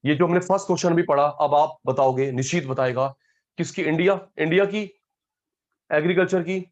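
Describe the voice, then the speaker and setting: A man teaching economics in a live classroom lecture, calling on students by name and swinging between loud calls and quiet asides. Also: on the high side, brisk, highs cut off.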